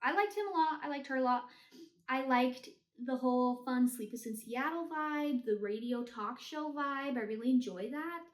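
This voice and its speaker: A woman with a high-pitched voice speaks at a normal speed, casually ranking the books she's read. Her chatty review is full of blunt, hyperbolic opinions and slang, and the recording sounds roomy and echoey.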